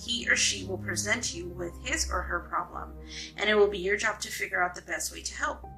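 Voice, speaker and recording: A woman reading aloud voices a wise female fairy godmother who instructs her students formally and in measured tones. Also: medium pitch, gravelly, bright, forceful tone, faint music behind, low-quality recording. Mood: instructive.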